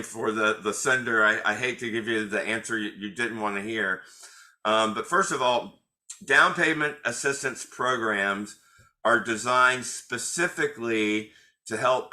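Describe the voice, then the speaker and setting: A man's voice: mid-range voice, pushed and bright. A middle-aged male attorney hosting an informal webinar, speaking hesitantly with many fillers and restarts.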